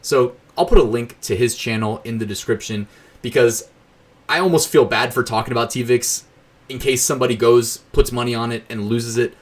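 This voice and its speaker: A man's voice: medium pitch, brisk. A young man hosting his own channel, talking casually to camera and thinking aloud with fillers and self-corrections. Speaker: YouTube host.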